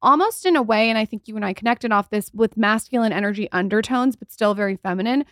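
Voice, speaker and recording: A woman's voice: fairly high pitch, quick pace, no echo, clean studio sound. A woman podcast host asking curious, probing questions of her guests. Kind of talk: interview conversation.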